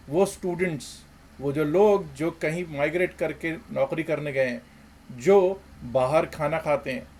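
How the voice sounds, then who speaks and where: A man giving emphatic commentary as a market analysis host, with rhetorical questions and swings between loud and soft. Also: on the high side.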